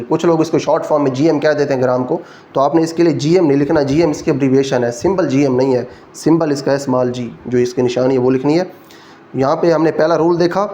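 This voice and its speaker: A physics teacher with a Pakistani Urdu accent and a darkish voice on the high side gives a classroom lecture. He explains each rule step by step and checks in with his students.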